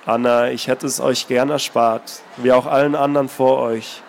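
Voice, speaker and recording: A man reading aloud and voicing a mysterious, weary old man with a low, rustling voice. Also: steady tone, moderate pace, gravelly, a little hiss or hum, close to an everyday voice.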